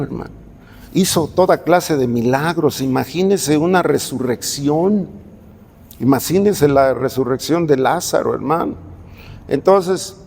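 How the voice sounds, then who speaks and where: Male pastor, conversational sermon, high-ish voice, church reverb. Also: gravelly, darkish tone. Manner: conversational preaching, repeatedly addressing "hermano" and asking questions. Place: church hall. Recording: long reverb of a church hall.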